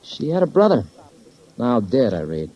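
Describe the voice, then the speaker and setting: An actor plays a murder suspect, a bitter, sardonic young man who failed as a lawyer and talks tough, using an American accent in 1950s radio crime drama style. He delivers clipped, sarcastic, slangy wisecracks in a medium-pitched, dark voice that swoops wildly, at a moderate pace. The recording is a muffled vintage 1950s radio one.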